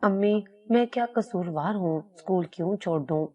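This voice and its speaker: A woman's voice: fairly low pitch, darkish tone, distant mic, lo-fi sound, natural voice. A woman voicing a frightened young schoolgirl, timid and tearful.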